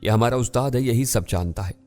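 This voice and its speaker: A man's voice: medium pitch, warm tone, soft background music, lightly acted. A man voicing a frightened young male gang underling who pleads and blurts out what he knows. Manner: pleading, hurried. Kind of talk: audiobook character voice.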